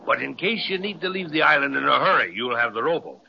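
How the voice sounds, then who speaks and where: A man's voice: a little high, lively intonation, fast, gravelly, pushed and bright, slight background noise, heavily acted. A man playing a jovial, courteous candy pirate captain with hearty theatrical delivery in an old children's radio serial. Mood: jovial, gracious. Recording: dull old radio recording.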